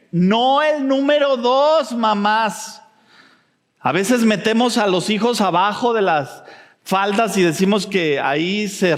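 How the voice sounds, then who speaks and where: A Mexican woman preaches at an unhurried pace, earnest yet lightly humorous, often checking in with her listeners. Her voice carries a long reverb from the hall. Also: mid-range voice. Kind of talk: sermon.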